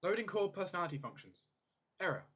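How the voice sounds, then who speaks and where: A man as game master voicing a glitching automaton that boots up with error messages in an unnatural, slightly feminine synthetic voice, in flat system announcements with stuttering restarts. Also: high voice, quick pace, breathy edge, muffled recording, exaggerated voice. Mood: mechanical monotone. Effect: glitching robot voice with error messages.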